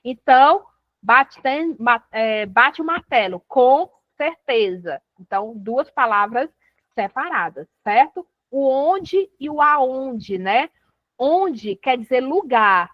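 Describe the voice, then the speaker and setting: A woman's voice: high-pitched, lively intonation, takes it slowly, no room sound. A woman teaches a grammar revision lesson in a chatty, informal way. She keeps checking in with her listeners as she explains. The sound is dry and a little dull. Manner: chatty, repeats "tá certo?" and "né?" often.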